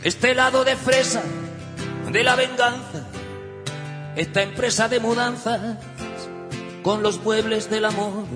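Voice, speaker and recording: A man's voice: extremely high pitch, steady tone, takes it slowly, pauses often. A man singing a song. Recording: long reverb with guitar music.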